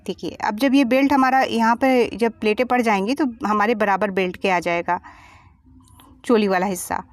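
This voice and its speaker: A woman's voice: mid-range voice, steady tone, normal speed, dry recording. A woman giving a step-by-step sewing tutorial as a voice-over, patiently explaining each measurement and cut. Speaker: sewing teacher.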